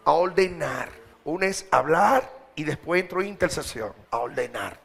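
A man preaches to his congregation, talking to them in a blunt, everyday way. His voice sits high for a man and has a strong gravelly edge. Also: expressive, moderate pace, fairly bright tone. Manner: direct, colloquial exhorting to a congregation. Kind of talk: sermon.

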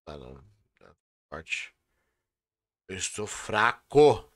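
A man with a Brazilian accent giving casual, excitable live gameplay commentary, teasing as he goes. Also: lowish voice, takes it slowly. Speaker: game streamer. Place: indoors at a streaming setup.

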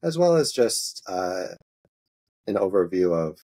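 A man, an open source maintainer, walking through a software demo in an interview, halting and easygoing, with many filler sounds. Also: deep voice, big pitch swings, breathy edge.

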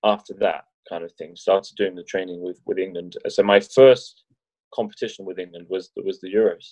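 A man's voice: deep voice, fairly even intonation, normal speed, darkish tone, no echo, poor audio. A man, a wheelchair rugby league player, chatting casually as a guest and telling stories with restarts and jokes. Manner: rambling, many restarts, jokey. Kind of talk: casual chat.

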